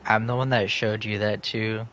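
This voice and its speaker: A man's voice: fairly low pitch, little pitch movement, moderate pace, a bit bright, slight background noise. A man streaming a video game, chatting casually in a rambling, profane, joking way. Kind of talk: casual chat while gaming.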